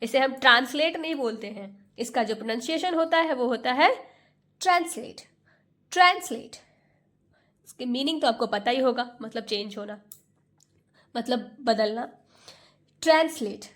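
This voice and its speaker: A woman's voice: on the high side, fairly bright tone. A woman teaching English pronunciation in Hindi, sounding out each letter and patiently repeating every word. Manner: sounds out letters slowly, one by one. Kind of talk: Hindi phonics lesson.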